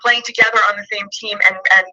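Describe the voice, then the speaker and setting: Woman sports host heard over the phone, bright sharp tone, quick chatty delivery, lo-fi line. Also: mid-range voice, fairly even intonation. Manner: chatty, quick, lots of fillers. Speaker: sports show host, interview guest. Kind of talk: casual phone interview.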